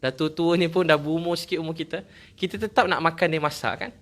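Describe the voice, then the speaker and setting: A man's voice: on the high side, fast, a bit bright. A man with a Malaysian accent preaching a sermon, telling a personal story in a heartfelt, earnest way with repeated phrases.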